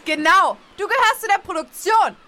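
A woman's voice: high-pitched, sing-song, unhurried, bright, forceful tone, heavily acted. A woman playing a whiny, spoiled young female contestant in an audio drama who mixes English words into her talk.

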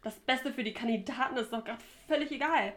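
A woman's voice: high voice, brisk, close to an everyday voice. A woman playing a ruthless, ratings-obsessed television producer who is snappy and domineering in an audio drama. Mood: dismissive. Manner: snappy and domineering, shouts when angry. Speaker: production manager.

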